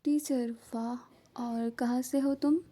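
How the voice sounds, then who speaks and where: A woman voicing a calm, caring middle-aged mother who speaks softly and gently. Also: a little high, slow. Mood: gentle. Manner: soft, gentle.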